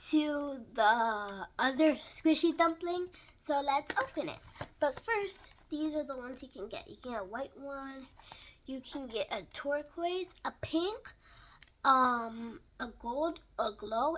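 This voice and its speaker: Bright, excitable young female unboxer. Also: high-pitched, slow, a little hiss or hum. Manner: excitable, gushing, filler-heavy. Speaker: vlogger. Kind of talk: unboxing vlog.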